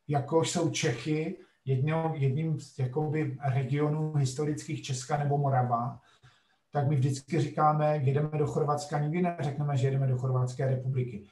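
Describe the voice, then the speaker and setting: A man's voice: a little high, steady tone, echoey room, far from the mic. A middle-aged man, a geography professor, telling a story in a lecture-like way, emphatic, with frequent hesitation sounds. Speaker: podcast guest, geography professor.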